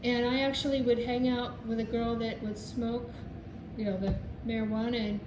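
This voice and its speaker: A woman's voice: fairly high pitch, flat delivery, normal speed. Older female group member sharing informally, meandering and earnest, in a noisy room with echo. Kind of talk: informal personal testimony. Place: echoey room, speaking to a group. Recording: echoey room with clear background noise.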